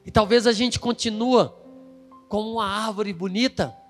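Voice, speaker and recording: A man's voice: high-pitched, fairly even intonation, moderate pace, long reverb tail, faint music behind. A male pastor preaching a sermon, emphatic and storytelling, acting out the quoted voices.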